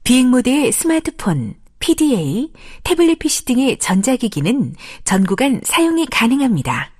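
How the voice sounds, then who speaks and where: A woman's voice: on the high side, sing-song, normal speed, a little mellow, breathy edge. A woman reading a scripted plane cabin safety announcement in a formal, polite way, as a flight attendant.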